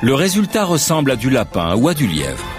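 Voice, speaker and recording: Lively male nature documentary narrator, music underneath. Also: medium pitch, a little fast.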